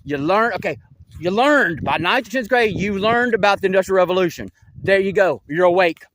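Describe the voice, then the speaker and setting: A man in a confrontational spoken rant, jumping between loud outbursts and low mutters, throwing rhetorical "huh?" asides at his listeners. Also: animated, brisk, a little hiss or hum. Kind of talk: ranting monologue.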